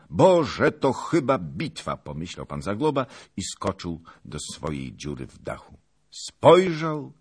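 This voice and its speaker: Slow, husky male audiobook narrator. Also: a bass voice. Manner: dramatic, slow and deliberate. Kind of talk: audiobook narration of a historical novel.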